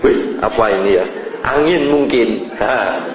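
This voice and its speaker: A man, a Buddhist monk giving a sermon as a lively storyteller who acts out scenes with sudden jumps in his voice. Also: medium pitch, a little slow, slight background noise. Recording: echoey hall, dull lo-fi sound.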